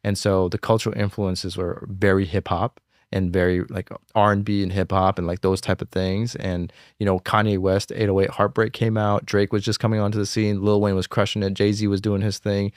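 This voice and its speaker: In a studio-quality recording with no echo, a young American man speaks in a lowish voice with a level tone. A fashion designer from the United States, he describes his brand in a relaxed interview, rattling along fast with "like" and "you know" filling nearly every sentence.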